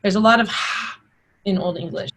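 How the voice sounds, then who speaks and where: A woman's voice: medium pitch, normal speed. A woman giving an informal Old English pronunciation lesson, explaining and carefully sounding out or reciting the old words. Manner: informal, explanatory, enunciates examples. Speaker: teacher.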